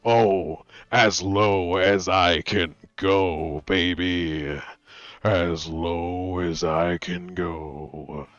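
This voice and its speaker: A man voicing a secretive teenage girl boss who hides behind a deep voice-changer voice, speaking slowly and theatrically. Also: fairly even intonation, fairly bright tone, no echo, dull audio, soft background music, heavily acted. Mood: hamming. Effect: disguised deep voice-changer voice.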